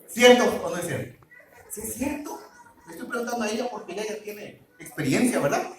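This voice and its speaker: A man with a high, animated voice, speaking a little fast, preaches a sermon on marriage and quizzes the congregation through call-and-response questions. The recording is very echoey, in a hall with the mic far away.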